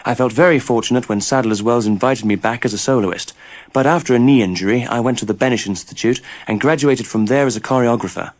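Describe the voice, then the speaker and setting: A man's voice: mid-range voice, brisk, natural voice. A man playing a modest choreographer. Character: male choreographer, grateful and modest. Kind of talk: scripted exam monologue.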